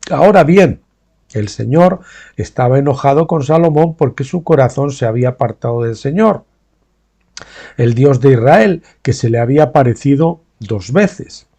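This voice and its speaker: Mellow-voiced man teaching the Bible. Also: mid-range voice, expressive. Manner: adds questioning tags to check listeners follow; pauses to explain names and terms in his own words. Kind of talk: reading a Bible study aloud with spoken asides.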